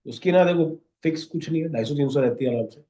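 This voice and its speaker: This instructor's voice is fairly high and dark-toned, and he talks fast. He teaches his class in an instructive manner, checking in with "okay?" nearly every time he makes a point.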